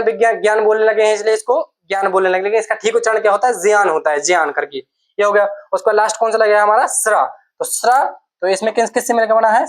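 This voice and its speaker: A man teaching a class, dictating notes in slow, repeated phrases and asking questions that he answers himself. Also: high-pitched. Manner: dictates slowly, repeating words for students to note down. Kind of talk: classroom lecture.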